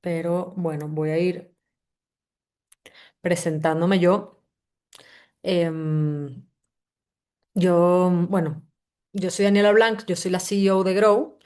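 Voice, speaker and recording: A Venezuelan-accented woman with a lowish voice opens an online session as its host. She speaks in a relaxed, conversational way, welcomes people, and often loops back to restart a phrase as she goes. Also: takes it slowly, pauses often. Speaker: host and company CEO. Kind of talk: live online book-summary session.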